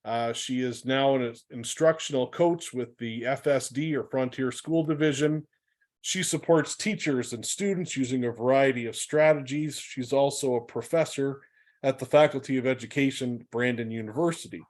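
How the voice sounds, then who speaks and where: A man hosts an online webinar over a computer mic, talking in a mid-pitched voice. He introduces the presenter in a friendly, upbeat way, with the odd "uh" along the way. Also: moderate pace, a little mellow. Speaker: webinar host.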